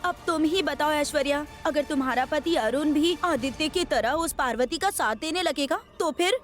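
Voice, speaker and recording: An actress playing a scheming middle-aged aunt of a wealthy household, sly and contemptuous as she gossips, with soft music behind. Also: sits high, moderate pace, natural voice. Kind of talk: TV serial dub acting.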